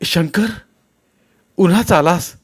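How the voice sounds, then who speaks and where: A man's voice: sits high, slow pace, breathy edge, pitched above the performer's own voice, exaggerated voice. A man voicing an older village headman who asks anxious questions. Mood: worried. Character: older male village headman, worried and shocked.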